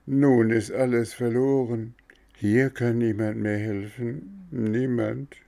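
A man's voice: fairly low pitch, unhurried, a little mellow, voice pushed up, lightly acted. Bengele, a man doing a whining puppet boy. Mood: fearful. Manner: wailing, fearful.

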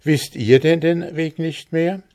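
A man's voice: a little high, slow, pitched above the performer's own voice. A man reading the part of an eager, hopeful young village girl in a storybook, raising his voice for her. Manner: eager, excited.

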